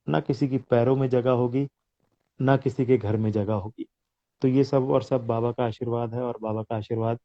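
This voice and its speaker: A man as a guest on a devotional live show, talking humbly and earnestly in long, quick run-on phrases. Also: medium pitch, no room sound, dull audio. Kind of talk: singing a song, then heartfelt devotional talk.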